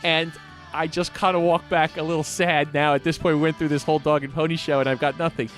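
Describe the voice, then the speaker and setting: A man's voice: on the high side, flat delivery, fast, fairly bright tone, soft background music. A man telling long rambling anecdotes as a podcast guest, with many restarts. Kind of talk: casual storytelling.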